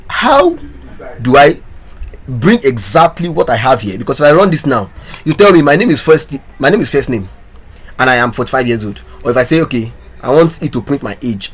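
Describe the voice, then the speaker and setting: His medium-pitched voice has a breathy edge. He's a programming instructor leading a screen-recorded coding lesson, explaining his code one step at a time and asking the audience questions along the way.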